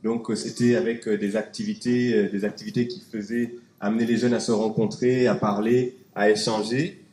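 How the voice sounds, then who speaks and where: Presenting at a conference, a man from Canada walks through his slides in a fairly low, level, darkish voice at normal speed, with frequent fillers and restarts. The hall sounds echoey and carries faint background noise.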